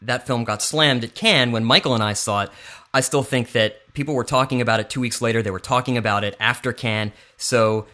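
A man with a bright, clear tone hosts a casual entertainment talk show. He runs down the news in an easy, breezy way, and his pitch sits in a middle range. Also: fairly even intonation, brisk. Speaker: podcast host. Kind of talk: casual chat.

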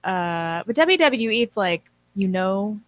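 A woman's voice: medium pitch, expressive, measured pace, fairly bright tone. A woman co-hosting a casual talk show, reading out listener messages and commenting in a blunt, informal way.

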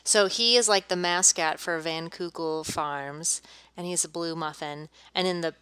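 A young woman co-hosting a casual movie review chat in a lowish voice. She trades dry, wry remarks and nods along with steady agreement. The recording is dry and close-miked. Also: measured pace, smooth, dry recording. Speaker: podcast co-host.

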